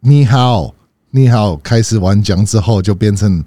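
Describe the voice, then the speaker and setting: A man's voice: on the low side, steady tone, normal speed, warm tone, no echo. A young man from the United States, a native English speaker, chats casually in fluent American-accented Mandarin as a foreigner and slips into English. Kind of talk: casual bilingual chat.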